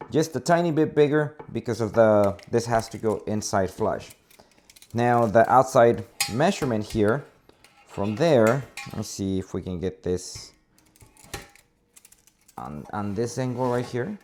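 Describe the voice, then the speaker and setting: A man with a lowish, darkish voice and lively intonation walks through a product at a measured pace. He is an installer speaking casually and without a script, hesitating and often repeating words as he corrects himself, and the recording is noisy, with clicks and handling clatter.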